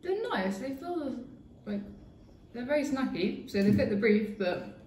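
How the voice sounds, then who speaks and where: A young British woman with a lively, swooping voice reacts to snacks in a giggly, expressive way. She sounds distant in an echoey room with faint background noise. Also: on the high side, measured pace. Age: young adult. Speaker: taste tester. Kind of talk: casual chat.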